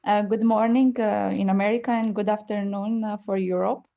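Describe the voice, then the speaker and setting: A woman's voice: medium pitch, fairly even intonation, a little fast, creaky, muffled recording. A young adult woman from Romania with a Romanian accent, presenting a medical case in a careful, hesitant way with frequent fillers. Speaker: presenting doctor.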